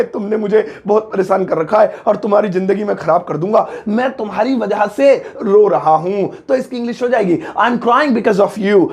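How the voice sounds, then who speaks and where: A high-pitched man with a gravelly edge and an Indian accent, teaching English vocabulary. He talks playfully and slips in little laughs, then stretches each English phrase out slowly so it sticks. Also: a little mellow. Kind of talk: Hindi-language English vocabulary lesson.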